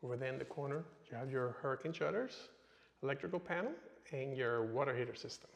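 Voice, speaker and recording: Talking fast in a gravelly, medium-pitched voice, a man who works as a real estate agent gives an informal walk-through of an empty new house. His casual sales patter is often tagged with "okay," and the empty rooms make the recording echo.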